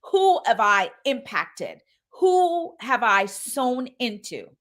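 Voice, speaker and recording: A woman's voice: on the high side, big pitch swings, slow, fairly bright tone. A woman in her fifties giving an urgent motivational sermon as a minister, repeating phrases for emphasis. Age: 50s.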